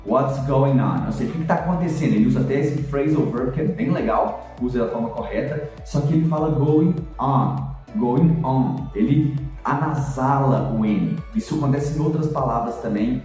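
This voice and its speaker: A man, an English teacher, explaining pronunciation points in a chatty, lively way and demonstrating sounds. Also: mid-range voice, brisk, very echoey, recorded from a distance, soft background music, rough recording. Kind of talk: explanatory video lesson.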